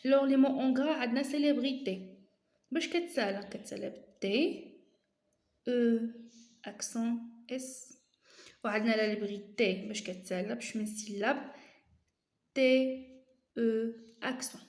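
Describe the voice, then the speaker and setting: Moroccan-accented woman teacher, bright voice. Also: a little high, normal speed, long pauses, roomy sound. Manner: explains step by step, repeating key terms. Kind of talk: explaining a lesson.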